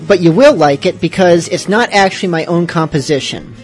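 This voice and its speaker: A male podcast host talks casually and drifts into rambling, self-mocking asides. His voice sits slightly high for a man. Faint music plays under part of the talk. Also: normal speed. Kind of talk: casual radio-show chat.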